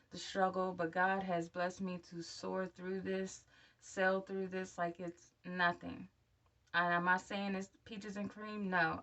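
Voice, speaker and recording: Woman, thirties, bright forceful voice, slightly low pitch, new denture wearer's speech, candid casual vlog, a bit far from the mic. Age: 30s. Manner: candid, encouraging direct address. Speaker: vlogger. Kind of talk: casual personal video update talk to viewers.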